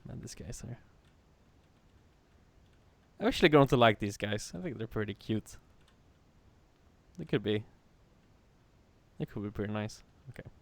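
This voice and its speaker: A man's voice: on the low side, lively intonation, a little slow, long pauses, no room sound. A man teaching a live coding lesson in a casual way, laughing and swearing freely. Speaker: programming teacher.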